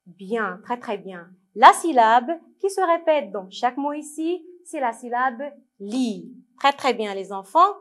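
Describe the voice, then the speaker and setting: Slow, patient Moroccan woman teacher. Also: on the high side, lively intonation, fairly bright tone. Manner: slow, clearly syllabled, repeating words for children to read along. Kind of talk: French lesson for young children.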